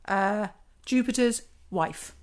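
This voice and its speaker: A woman's voice: mid-range voice, takes it slowly. A woman, acting as an amateur actress in a radio comedy, dry and exasperated.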